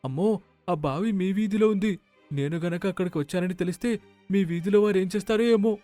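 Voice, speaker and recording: A fearful little village boy from a cartoon tale, played by a man. The voice sits high but mellow and dry, with a pleading, hesitant way of talking. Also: a little fast, no echo, soft background music, natural voice. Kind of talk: cartoon story voice acting.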